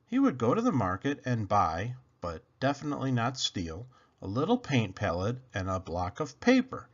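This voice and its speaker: Reading a children's picture book for his channel, a man speaks at a moderate pace in a medium pitch that swings hugely. He dramatizes the story and quizzes his listeners, and the audio is dull and lo-fi.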